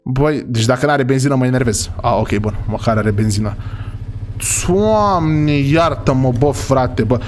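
A man commenting on a role-play game he is playing. He is excitable and slangy, and he often yells out exclamations. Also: medium pitch, few pauses, slight background noise.

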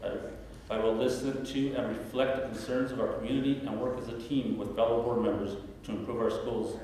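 A man answering questions as a school board candidate at a podium, halting with fillers and restarts. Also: medium pitch, steady tone, darkish tone. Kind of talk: candidate forum answers, unscripted. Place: large auditorium stage at a podium. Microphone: podium mic from a far camera. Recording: echoey hall heard from far off.

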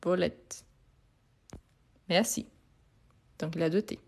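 A woman's voice: fairly low pitch, slow, vocal fry. A woman teaching French grammar in a live online lesson, repeating and spelling out each word and answering viewers' questions.

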